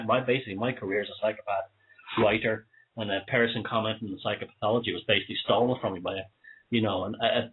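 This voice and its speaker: A man with an Irish accent giving an opinionated talk-show monologue in a conversational way, wheezy and short of breath from asthma. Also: on the low side. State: asthma flare-up. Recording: thin phone-like sound.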